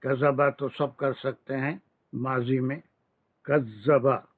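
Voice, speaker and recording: Male teacher, patient drill-style delivery, slow measured talk, dry tinny call audio. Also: medium pitch, little pitch movement, no echo. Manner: patient, drills verb forms, mixes English phrases. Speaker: Arabic grammar teacher. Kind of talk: online class teaching.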